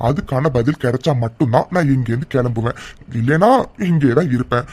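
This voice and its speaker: A man's voice: medium pitch, brisk, a little mellow, close to an everyday voice. A man voicing a caring young man named Guru who keeps coaxing and teasingly asking questions. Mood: stubborn. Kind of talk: cartoon voice acting.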